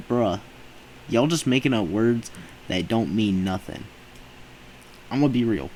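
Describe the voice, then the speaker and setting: A man's voice: fairly low pitch, darkish tone, slight background noise, low-quality recording. A man hosting a reaction video, talking back at clips in indignant, emphatic rants. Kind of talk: reaction commentary.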